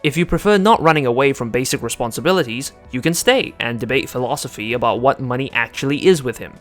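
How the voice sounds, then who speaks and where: Man, video essay host, sarcastic, joking, mid-pitched, music under him. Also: expressive, fast, a bit bright. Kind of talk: scripted commentary.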